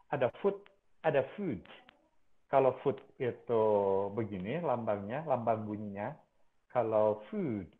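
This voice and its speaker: Man lecturing, tinny phone-like sound. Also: mid-range voice. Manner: explanatory, repeats example words over and over. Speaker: university lecturer. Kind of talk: phonology lecture.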